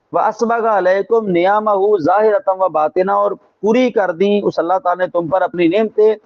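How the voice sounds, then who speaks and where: A man's voice: high-pitched, lo-fi sound. A man teaching a Quran translation class with a Pakistani Urdu accent, reciting verses and explaining them with rhetorical questions and emphatic repetition. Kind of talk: religious class lecture.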